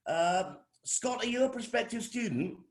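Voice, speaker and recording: This college lecturer, a middle-aged man from England with an English accent, delivers a casual welcome talk at a moderate pace. His voice sits high with lively intonation, and he keeps repeating phrases and starting sentences over.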